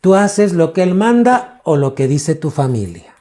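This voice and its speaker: A man's voice: on the high side, very animated, unhurried, warm tone. A man, a pastor preaching a teaching sermon and quizzing his congregation with questions.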